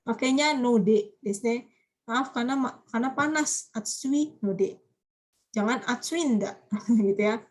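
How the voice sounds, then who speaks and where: A woman teaching a language class online, lively and coaxing students with quick questions. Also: on the high side.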